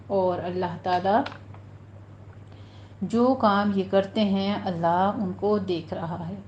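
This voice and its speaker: Mellow-voiced woman teaching Quran recitation. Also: mid-range voice, muffled recording, a little hiss or hum. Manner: patient, instructive, repeats words slowly for practice. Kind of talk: tajweed lesson, explaining pronunciation rules.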